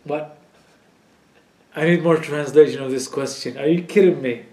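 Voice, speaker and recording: Frank and casual, a young Palestinian man answers interview questions at normal speed in a fairly high, warm voice. Fillers come thick, and he swears occasionally when riled. He sounds like he is in an echoey room with faint ambient noise.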